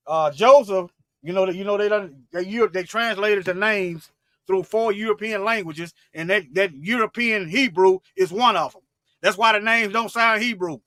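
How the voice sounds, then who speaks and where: Fervent high-voiced man preaching live. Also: dry recording, clean studio sound. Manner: fervent, repetitive, with frequent restarts; swings between loud emphatic bursts and low asides. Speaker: online Bible teacher. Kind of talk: livestreamed preaching.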